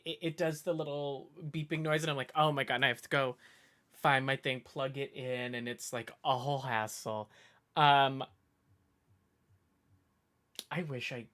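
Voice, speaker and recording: Her voice is deep but fairly bright in tone. She's from Boston's suburbs, has a light Boston accent, and rambles through restarts while chatting casually with her stream chat.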